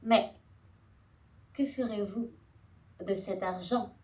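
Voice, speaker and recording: A woman playing a grand, gracious lady who speaks in a slow, formal, ceremonious way. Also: medium pitch, mellow, a little hiss or hum, pitched below the performer's own voice, lightly acted. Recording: roomy hall, distant mic.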